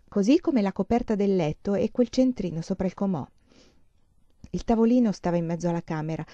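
Mellow woman reading a novel aloud. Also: fairly low pitch, no echo. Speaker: audiobook reader. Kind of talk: literary audiobook narration. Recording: slightly dull lo-fi recording.

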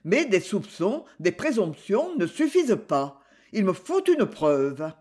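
A reader voicing a candid, probing young woman who speaks softly and earnestly in an audiobook. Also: mid-range voice, big pitch swings, slow.

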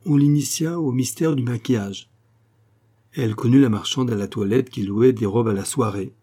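Warm-voiced male audiobook narrator. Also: mid-range voice. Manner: measured, expressive literary reading. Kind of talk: scripted narration of a novel.

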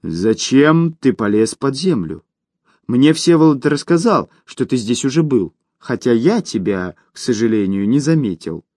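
A calm, serious invisible spirit with a dark, dry wit, as a man puts him on. The voice is lively in pitch, and the storybook reading sounds dry and close. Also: a little slow, no room sound. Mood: mocking. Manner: calm, serious, dryly mocking.

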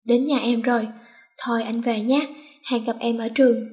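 A woman's voice: fairly high pitch, steady tone, moderate pace, mellow, close to an everyday voice. A woman voicing a teenage schoolboy who is caring but turns stern and scolding. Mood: gentle.

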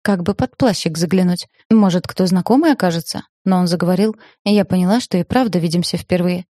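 A woman's voice: lowish voice, a little fast, warm tone, dry recording. A woman narrating a first-person audiobook in a wry, ironic storytelling manner, close to the mic.

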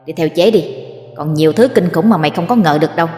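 A woman voicing a bossy, scornful older-sister ghost who scolds loudly in a ghost story. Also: lowish voice, quick pace, roomy sound, big-room sound, lightly acted. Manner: scolding, brash.

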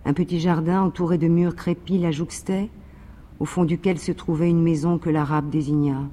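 A man reading a literary novel aloud in a measured, even narration, with a long reverb behind his voice. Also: a little high, slight background noise. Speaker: reader.

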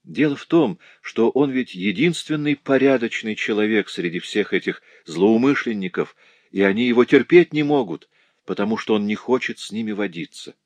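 Cast a man doing a chatty, soft-hearted young working girl for an audiobook, raised and lively over his low natural voice, dry close mic. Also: normal speed, no echo. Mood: worried. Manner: eager, emotional chatter. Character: cheerful young working Parisian woman, tender-hearted. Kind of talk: audiobook character voice.

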